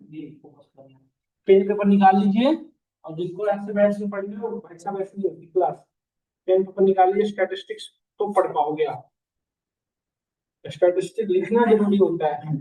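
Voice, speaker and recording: A man teaching a class, mixing English phrases into his Hindi and repeating key lines slowly for students to write down. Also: high-pitched, mellow, poor audio. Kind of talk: classroom lecture.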